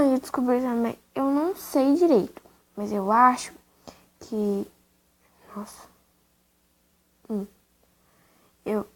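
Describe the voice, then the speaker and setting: A woman's voice: high voice, vocal fry. A young woman chatting casually as she plays a video game, talking to viewers and cooing at a dog in the game. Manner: chatty, talks to her game dog in baby talk. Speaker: gaming youtuber.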